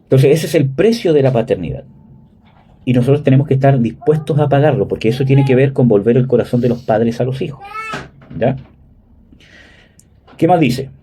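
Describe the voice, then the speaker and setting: A man in his thirties preaching a sermon in a conversational way, often checking with listeners and pausing on fillers. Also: mid-range voice, lively intonation, dark tone, slight background noise. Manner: conversational, frequent "¿cierto?" and "¿me entiende?" checks; hesitant fillers, "¿cómo se llama?". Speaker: pastor.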